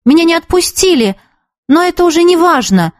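An eager young ballet student with a high, bright voice that rushes out in urgent bursts, as a woman reading a story puts her on. The voice sits well above the reader's usual pitch, and the recording is close and dry with no room sound. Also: dry recording, natural voice. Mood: hurried. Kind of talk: audiobook character reading.

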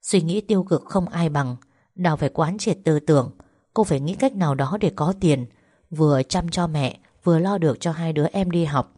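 A woman narrating a story in a steady, gentle, lyrical reading style. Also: deep voice, moderate pace. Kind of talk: scripted audiobook narration.

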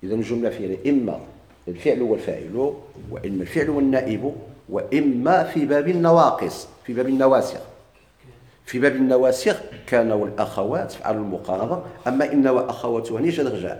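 Male grammar teacher, Moroccan accent, rapid lecture, quizzes and answers himself, echoey room. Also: medium pitch, a little mellow. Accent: Moroccan Arabic. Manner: asks questions and answers them himself. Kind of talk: classroom lecture.

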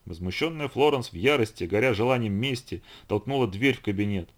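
A man narrating an audiobook in an even, measured way. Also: lowish voice. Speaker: audiobook reader. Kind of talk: scripted narration.

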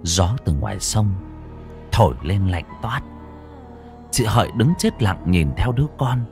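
A man telling a ghost story in scripted narration, dramatic and slowing down for suspense. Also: medium pitch.

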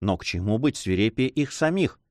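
A man voicing a gentle chaplain in an audiobook, speaking mildly and quietly. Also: fairly low pitch, expressive, brisk, no echo, studio quality, lightly acted. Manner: mild, murmuring. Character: gentle murmuring priest, man.

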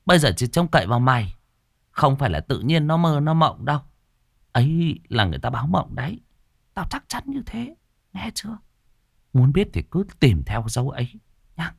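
A fierce, loud-mouthed village fortune-teller woman, as a male narrator puts her on, with a high, shrill voice that jumps up and down as she barks orders. The recording is dry and close, with no room sound. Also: big pitch swings, moderate pace, vocal fry, pauses often, breathy edge, no echo, full character voice. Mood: bossy. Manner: shrill scolding, bossy and blunt. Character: fierce middle-aged female village spirit medium.

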